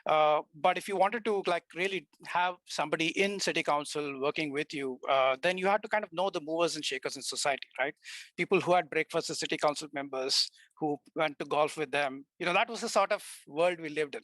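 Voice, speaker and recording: A man's voice: on the high side, brisk, fairly bright tone, no room sound, poor audio. Rambling man activist, dry sound. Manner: rambling, many uhs and you-knows. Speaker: activist guest. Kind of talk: conversational answer on a livestream.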